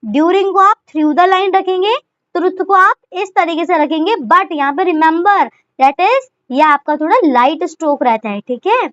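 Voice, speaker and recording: A woman's voice: very high-pitched, a little slow, a bit bright, no room sound. A woman teaching shorthand step by step, often checking in with "okay" and asking herself questions as she writes. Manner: repeats "ठीक है" and asks rhetorical questions while writing. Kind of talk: step-by-step tutorial explanation. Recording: dry, dull lo-fi sound.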